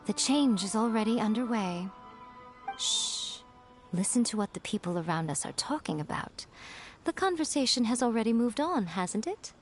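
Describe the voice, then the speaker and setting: A woman voicing a sly, playful fox-spirit priestess in a game who teases with soft laughs. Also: a little high, expressive, normal speed, natural voice. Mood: hushed. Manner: teasing, amused, laughs softly. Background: game music.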